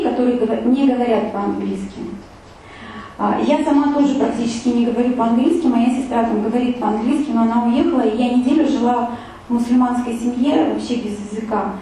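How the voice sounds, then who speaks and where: Telling a live audience about her travels while showing photos, a woman chats loosely and rambles, leaning on fillers and frequent restarts. She has a fairly high, mellow voice, picked up by a distant mic in a very echoey room over a faint background hiss.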